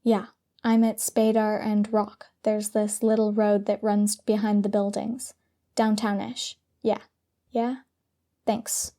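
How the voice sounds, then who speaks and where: A woman's voice: mid-range voice, level tone, slow, dark tone. A woman voicing a brash, defensive teenage superhero girl in an audiobook reading. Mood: casual.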